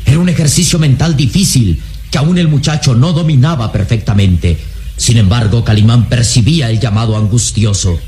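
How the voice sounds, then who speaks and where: A man narrating an adventure serial as a solemn storyteller, with measured, scripted dramatic delivery. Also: mid-range voice, dark tone, a little hiss or hum, lightly acted. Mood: solemn, suspenseful.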